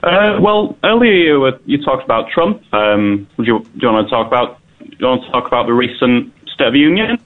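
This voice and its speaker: A British man calling a radio show over a landline phone, talking in a calm, matter-of-fact way. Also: mid-range voice, brisk. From Britain. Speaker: caller. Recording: tinny phone line.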